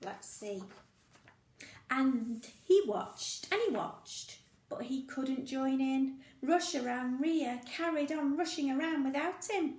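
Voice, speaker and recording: In an echoey room with poor audio, a woman teacher reads a picture story to little kids, her voice high-pitched and her pace slow. The reading is playful and expressive, full of sound effects and questions aimed at the listener.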